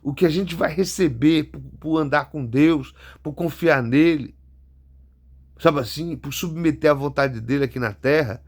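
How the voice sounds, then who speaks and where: A man's voice: a little high, unhurried. A man preaching a sermon, repeating words and addressing his listeners directly. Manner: repetitive, stammering emphasis, direct address to listeners.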